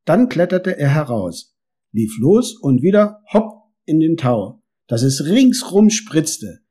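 A man narrating a children's story in a lively storytelling manner. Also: fairly high pitch, slow, slightly rough. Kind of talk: storybook reading.

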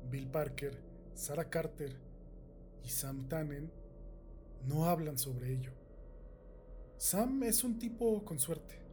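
A man narrating a horror story in a measured, unhurried reading. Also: fairly high pitch, mellow, a little hiss or hum.

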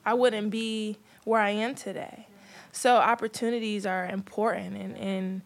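A woman who plays professional basketball, talking in a casual panel discussion as an animated storyteller. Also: mid-range voice, a little slow, gravelly.

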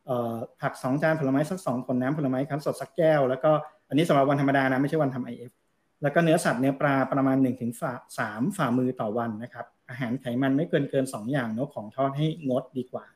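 A man who is a doctor, talking through health advice on a podcast in a relaxed, explanatory way with soft polite phrase endings. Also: mid-range voice, fast. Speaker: doctor, guest expert.

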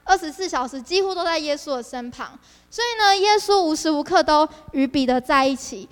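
High-voiced woman preaching in a hall. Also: a little fast. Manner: asks the audience frequent rhetorical questions, animated. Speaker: district leader preaching. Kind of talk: youth service sermon.

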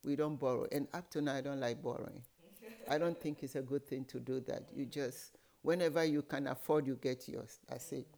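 A man telling stories from his childhood as an interview guest, explaining in a lively way with many asides. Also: medium pitch, brisk, creaky. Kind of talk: storytelling in an interview.

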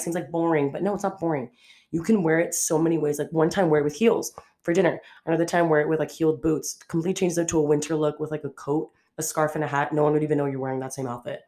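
A young woman hosting her own podcast, chatting casually and quickly and peppering her talk with "like". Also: sits low, a little mellow. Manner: chatty, fast, heavy use of "like". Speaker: podcast host. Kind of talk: casual solo podcast chat.

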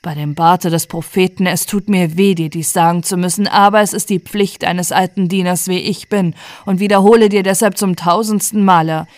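A woman's voice: fairly low pitch, darkish tone, dry recording, studio quality, close to an everyday voice. A woman voicing a loyal old male servant who talks in an earnest, scolding way.

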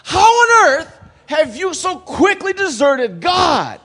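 A man preaching in English acts out an indignant apostle scolding his congregation in a raised, shouting voice. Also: very high-pitched, wildly swooping pitch, very slow, big-room sound, voice pushed up, exaggerated voice.

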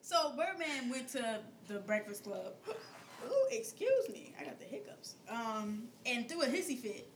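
Woman, podcast co-host, animated profane storytelling, slightly high voice, distant from mic, light background noise. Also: moderate pace, few pauses. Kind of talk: casual chat. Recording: roomy, off-mic with faint room noise.

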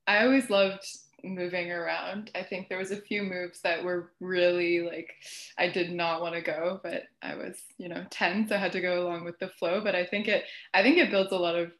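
A woman hosting a podcast, asking relaxed, friendly questions in casual chat. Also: fairly low pitch, normal speed. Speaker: podcast host. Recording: echoey room.

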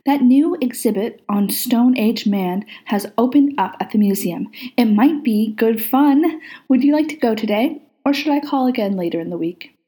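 A woman's voice: mid-range voice, lively intonation, moderate pace, a little mellow, natural voice. A woman voicing a fussy, fond male angel who speaks in a gracious, lilting way.

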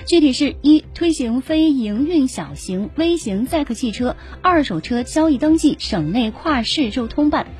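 A woman's voice: sits high, lively intonation, normal speed, hardly any pauses, darkish tone, soft background music. A woman presenting scripted radio news in standard Mainland Mandarin.

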